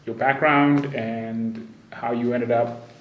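A man's voice: mid-range voice, steady tone, takes it slowly, highs cut off. A man hosting a casual interview, informal and often restarting as he searches for words. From Kenya. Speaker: podcast host. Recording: roomy echo, faint background noise.

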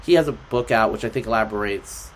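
A man's voice: lowish voice, fast talker, a little hiss or hum. A man as a podcast guest, talking in a loose, rambling way with lots of fillers. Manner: rambling, filler-heavy, lively. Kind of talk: casual conversation.

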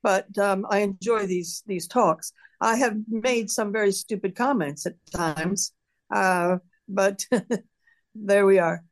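A woman's voice: mid-range voice, steady tone, slow. A woman in her eighties casually introducing herself on a video call, rambling and self-deprecating. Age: 80s. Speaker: guest panelist.

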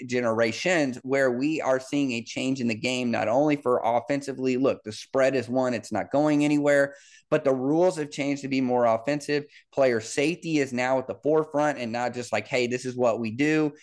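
Thirty-something man hosting a solo podcast. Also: mid-range voice. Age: 30s. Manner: conversational with frequent fillers and restarts. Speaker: podcast host and football coach.

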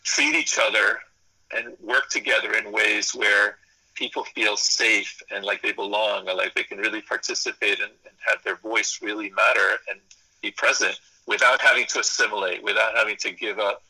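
A man whose first language is Spanish, working as a psychology professor and consultant, reflects on ideas in a radio interview, adding items to lists and amending what he says. His voice sits on the low side with a steady tone and normal speed, sounding bright and forceful with a breathy edge. Audio quality is poor.

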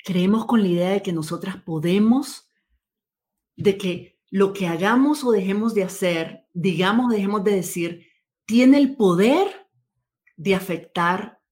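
A woman's voice: mid-range voice, a little slow, a little mellow. A woman being interviewed, speaking in an earnest, thoughtful way and often correcting herself mid-sentence. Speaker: interview guest. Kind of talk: conversational interview.

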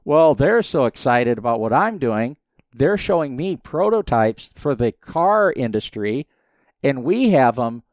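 A man in his fifties, a podcast guest telling stories in a lively, rambling way with many restarts. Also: mid-range voice, measured pace, no echo, clean studio sound. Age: 50s. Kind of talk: casual storytelling interview.

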